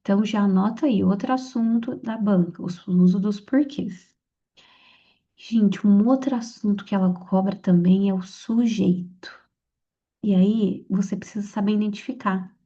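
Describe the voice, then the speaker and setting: A woman explaining grammar for a civil-service exam in a relaxed, chatty lesson, often checking in with her listener. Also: medium pitch. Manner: conversational, frequent "tá?" and "então". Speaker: exam prep tutor. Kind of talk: casual spoken lesson. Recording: slightly dull lo-fi audio.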